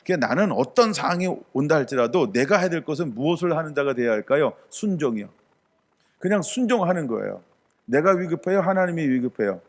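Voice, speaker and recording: A man's voice: a little high, expressive, fast. A middle-aged male pastor preaching in a conversational way, asking the congregation questions and acting out short quotes. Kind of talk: sermon.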